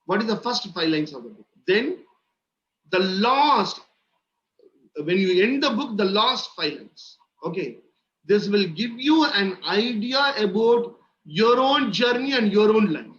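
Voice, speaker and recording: A man's voice: sits high, animated, unhurried, fairly bright tone. An Indian-accented man leading an interactive online wellness class, encouraging and often repeating his phrases. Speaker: wellness session leader. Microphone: video call. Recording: muffled online call audio, faint noise.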